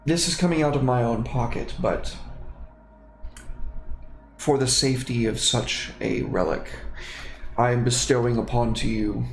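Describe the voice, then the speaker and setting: Man playing a stern, scolding dragonborn wizard, echoey room. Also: medium pitch. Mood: solemn, formal. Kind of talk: tabletop role-play character voice. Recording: roomy echo, clear background noise.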